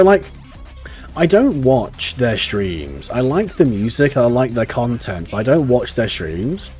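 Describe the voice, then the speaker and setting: A man's voice: medium pitch, darkish tone. A man streaming a game live, chatting casually and rambling, swearing freely with lots of restarts. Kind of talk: casual live-stream chat while gaming. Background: faint game music.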